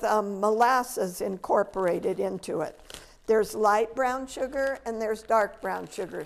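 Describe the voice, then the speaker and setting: Older woman, unhurried delivery, slightly high voice, patient cooking instruction, roomy demo kitchen. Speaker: extension educator. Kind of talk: cooking demonstration. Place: large indoor demo kitchen.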